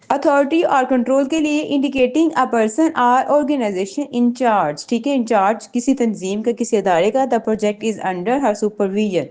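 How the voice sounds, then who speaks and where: A woman's voice: on the high side, mellow. A woman teaching English vocabulary in an online lesson, patiently repeating words and checking that listeners follow.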